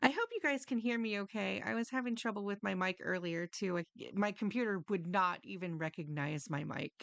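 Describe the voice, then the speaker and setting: A woman's voice: mid-range voice, a little fast, vocal fry, fairly bright tone, no echo. A woman streaming games, chatting casually with her viewers in a friendly, apologetic, flustered ramble, slightly muffled on a close mic. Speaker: live game streamer, host. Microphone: microphone a few inches away.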